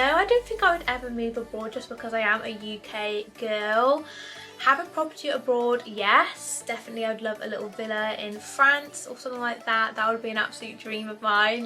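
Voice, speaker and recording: A woman's voice: fairly high pitch, bright, forceful tone. A young woman in her twenties from the UK, chatting casually to camera in a Q&A, upbeat and repeating herself often. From United Kingdom. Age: 20s. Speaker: YouTuber.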